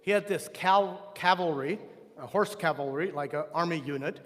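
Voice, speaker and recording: Male Sunday school teacher, high-pitched, chatty with restarts and tangents; reverberant church hall. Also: moderate pace, a bit bright. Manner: conversational, with frequent restarts and asides. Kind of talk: church history lesson. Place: church room.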